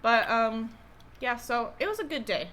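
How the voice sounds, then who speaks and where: A woman's voice: fairly high pitch, sing-song, measured pace, pushed and bright, a little hiss or hum. A young woman co-hosting an eating vlog, chatting casually in a rambling, hesitant way full of fillers and restarts. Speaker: co-host. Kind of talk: casual chat while eating.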